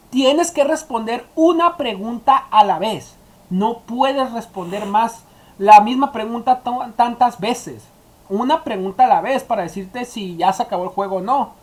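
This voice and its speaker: A woman's voice: on the high side, a little mellow. Woman explaining a coding tutorial. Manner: explaining step by step, addressing students directly. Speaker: teacher. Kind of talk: screen-recorded coding tutorial.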